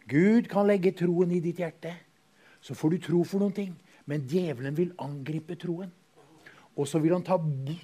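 A man from Norway, preaching a revival sermon and calling out hallelujah as he swings from loud to hushed. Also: on the high side.

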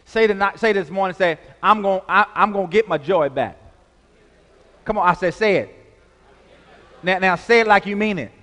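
A male pastor delivers a sermon in a sanctuary with a long, ringing reverb. His voice sits high. He works the congregation in call-and-response and builds to emphatic, repeated lines. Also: normal speed, pauses often. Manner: call-and-response preaching, rising to emphatic shouts. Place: church sanctuary.

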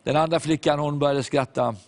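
A man preaching a sermon, telling a story with animated quoted voices and sudden hushed moments. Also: on the high side, dry recording. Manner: drops to hushed tones at reflective moments.

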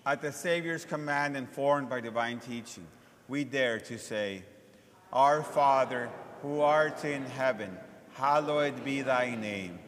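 A man speaking as a priest, reciting solemn liturgical prayers in a measured, reverent way with a long cathedral-like echo. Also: mid-range voice, fairly bright tone, a little hiss or hum. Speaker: priest celebrating Mass. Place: large reverberant church during Mass. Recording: long echo of a large church.

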